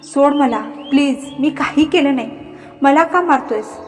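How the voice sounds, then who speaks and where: A woman's voice: high-pitched, measured pace. Begging male villain, read by a woman. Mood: pleading. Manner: begging, whining. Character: cruel pleading male villain, captive uncle. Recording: reverberant, faint background music.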